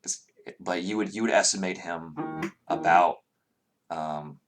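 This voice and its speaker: A man's voice: low voice, slow, faint music behind. A man narrating as game master of a tabletop game, talking hesitantly with many fillers.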